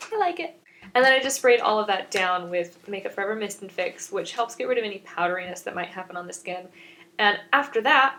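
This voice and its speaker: A woman's voice: mid-range voice, fairly bright tone, slight background noise. A young woman in her twenties, a beauty vlogger, chatting and explaining each step of her makeup in a rambling, self-mocking way.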